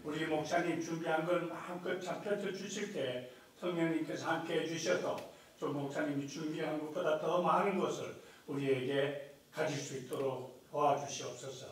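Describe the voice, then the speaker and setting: A man's voice: a little high, steady tone, moderate pace. A man leading a formal public prayer before a class, in a solemn, reverent manner. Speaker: prayer leader. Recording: very echoey room, far from mic.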